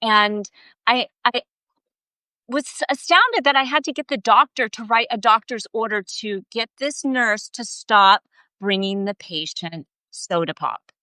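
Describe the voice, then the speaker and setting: A woman's voice: on the high side, animated, a little slow, sharp tone, no room sound. A woman hosting a casual live video chat, telling a story in an earnest, emphatic way. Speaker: host. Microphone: video call.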